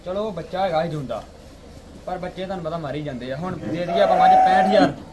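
A man with a Punjabi accent selling his cattle in a farm shed, quick and bargaining. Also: high-pitched, dull audio, very noisy. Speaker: cattle seller. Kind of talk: casual sales chat.

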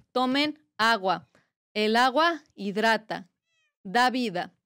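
A woman's voice: a little high, smooth, no echo, clean studio sound. A young woman, streaming a game and chatting casually, reading viewers' messages aloud in a playful, teasing way. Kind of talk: casual livestream chat while gaming.

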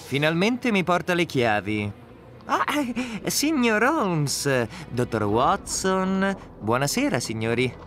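An actor dubbing a fussy, talkative boarding-house landlord in a game. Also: male voice, a little high, very animated, takes it slowly, fairly bright tone, heavily acted. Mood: chatty. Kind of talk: Italian game dub.

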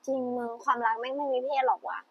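A woman's voice: high-pitched, fast, creaky, slight background noise. A young woman playing a frank, encouraging friend who speaks in blunt casual slang. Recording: dull lo-fi.

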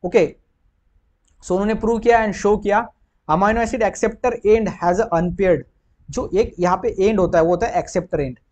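Indian male tutor with a high voice, quizzes the class and answers himself, mixed Hindi-English. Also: darkish tone. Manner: mixes Hindi and English, quizzes listeners with quick questions then answers. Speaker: biology teacher. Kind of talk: exam question walkthrough.

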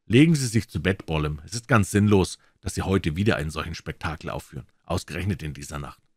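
A stern prison guard with a low, curt voice, put on by a male reader. He scolds in a tired, matter-of-fact way, and the sound is dry. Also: lively intonation, quick pace, darkish tone, breathy edge, no echo.

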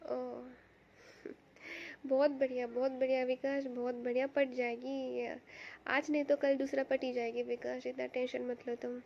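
Woman game streamer, high gravelly voice, a little hoarse, casual chat with viewers, greets them by name, dull lo-fi audio. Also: flat delivery, unhurried, slight background noise. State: slightly hoarse from a cough.

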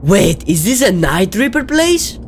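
A young man giving casual, excitable let's-play commentary, often yelling at the game. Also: high voice, measured pace, a little hiss or hum. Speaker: gaming video creator.

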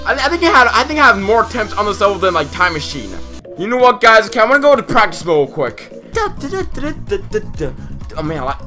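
Excitable gamer recording inside a closet. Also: male voice, high voice, fast talker, faint music behind. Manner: excitable, frustrated, talks to viewers. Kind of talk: let's-play commentary.

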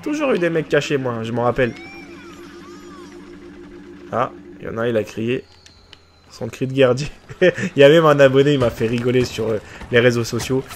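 Man, gaming video host, excitable and jokey, mid-pitched voice, faint hiss in the background. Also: normal speed, long pauses. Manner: excitable, joking, teasing the enemy players; chatty with viewers. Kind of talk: let's play commentary.

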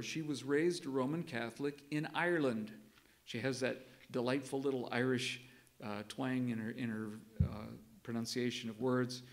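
A man giving a sermon in a church, telling a story in a conversational way and reading quoted passages from a book. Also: medium pitch. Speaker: preacher. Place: church sanctuary.

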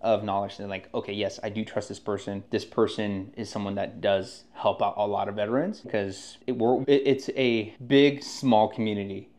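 A man's voice: lowish voice, steady tone, normal speed, hardly any pauses, a little mellow. A man working as a real estate agent, talking casually and rambling with frequent restarts. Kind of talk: casual podcast talk.

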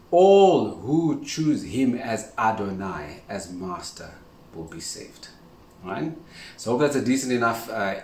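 Speaking on the low side, a man in his forties from Zimbabwe delivers a casual yet earnest religious talk as a faith teacher, repeatedly asking "right?". The camera recording him sits a few steps off in his home kitchen, which has a large window, so the audio comes out roomy and distant with a faint hiss.

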